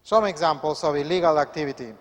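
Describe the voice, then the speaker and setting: Priest in an echoey church. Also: male voice, a little high. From Peru. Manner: measured, earnest preaching. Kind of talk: Gospel reading and sermon.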